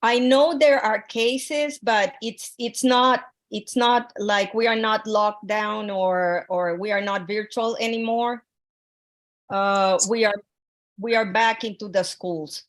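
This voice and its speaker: Over a video call, a Honduran woman presents her research proposal in an earnest but halting way, full of fillers and restarts. Her voice is medium-pitched with a steady tone.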